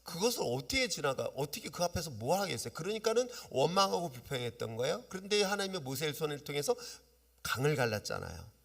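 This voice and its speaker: A man preaching a sermon as pastor, lively and often asking his congregation questions. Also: fairly high pitch, fast, creaky. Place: church sanctuary. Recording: long reverb of a church hall.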